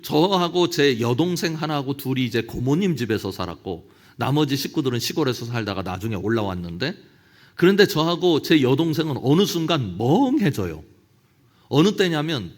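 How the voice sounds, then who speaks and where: A middle-aged man preaches a seminar-style sermon to church officers, telling stories along the way. His voice sits on the high side and moves through a lively pitch range. He acts out quoted prayers as he goes. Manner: storytelling, with quoted prayers acted out. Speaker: pastor.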